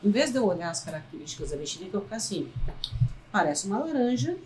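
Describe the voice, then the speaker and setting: A woman's voice: mid-range voice, sing-song, fast, heavy background noise. A woman with a Brazilian Portuguese accent, a panel guest who explains things with step-by-step examples. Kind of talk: casual panel discussion.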